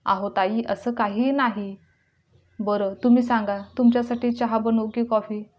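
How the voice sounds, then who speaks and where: A woman voicing a soft-spoken daughter-in-law who answers politely. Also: fairly high pitch, steady tone, moderate pace, lightly acted. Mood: placating. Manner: polite, placating. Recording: dull lo-fi recording.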